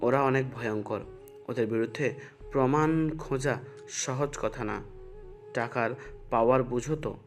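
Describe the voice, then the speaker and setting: A man playing a caring middle-aged police officer who gives slow, grave warnings, with faint music behind him. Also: medium pitch, lightly acted.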